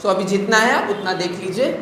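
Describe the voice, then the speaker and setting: A man's voice: sits high, a little fast, a bit bright, slight background noise. A male math teacher giving a live online lesson, coaxing students with rhetorical questions and calling them "beta". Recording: very echoey room, faint ambience.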